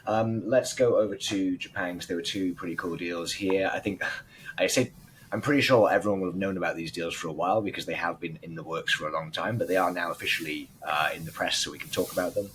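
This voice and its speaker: A man with a hoarse, very deep voice co-hosts a casual podcast. He talks in a loose, chatty way and swears casually. A faint noise sits under the recording. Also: fast, fairly bright tone, rough recording. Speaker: podcast co-host. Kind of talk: casual industry chat.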